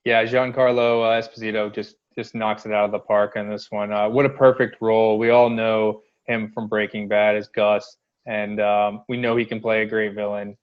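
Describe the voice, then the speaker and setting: A man with a fairly low voice gives casual gaming commentary as a co-host. He is blunt and slangy, often feeling his way through a sentence. The recording is a little dull. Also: level tone, moderate pace, hardly any pauses, clear, resonant tone. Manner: hesitant phrasing, blunt slangy opinions.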